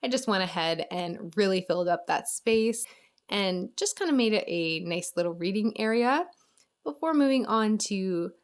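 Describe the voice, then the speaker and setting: A woman's voice: mid-range voice, expressive, normal speed, clean tone. A young woman chatting through a voice-over of her video game build, upbeat with small laughs, her voice a little worn. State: slightly losing her voice. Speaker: game building channel host.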